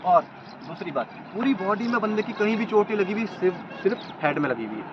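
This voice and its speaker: A young man with a high-pitched voice and lively intonation argues his points one by one, speaking a little fast, in a commentary vlog filmed outdoors. The sound is lo-fi and slightly dull, with some faint noise.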